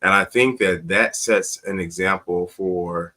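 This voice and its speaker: A teacher on a talk show tells personal stories as a guest, acting out quoted dialogue with emphasis. His low voice comes across bright and forceful, unhurried, with fairly even intonation.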